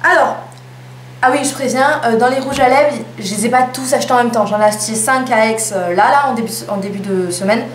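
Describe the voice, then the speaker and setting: Her voice sits on the high side and she talks fairly quickly as this young beauty vlogger chats her way through a lipstick haul. She adds playful, self-mocking asides along the way. Echo fills the room, and a faint hum runs underneath.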